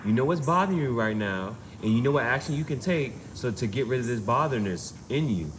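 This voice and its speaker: Brisk and lively in intonation, a man with a mid-range voice delivers an informal spiritual reading. As an amateur tarot reader and streamer, he urges his advice over and over, insistent and emphatic. Background ambience is clearly noisy.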